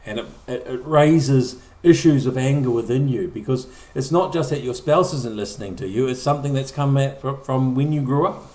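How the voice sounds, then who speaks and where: A man's voice: mid-range voice, moderate pace, hardly any pauses, darkish tone. A middle-aged man preaching a conversational sermon, often repeating or restarting words and acting out short quoted lines. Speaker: pastor. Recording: echoey room.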